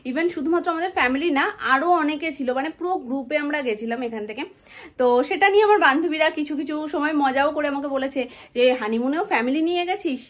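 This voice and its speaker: Quick, high-voiced young mother vlogging at home. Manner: chatty, switches to sing-song baby talk with her toddler. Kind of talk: casual family vlog narration. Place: family home.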